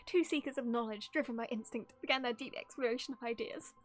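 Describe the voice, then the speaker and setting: A woman streaming a game reads its story text aloud dramatically, punctuating passages with giggly, amused, relaxed live reactions. She speaks fast, with a voice on the high side.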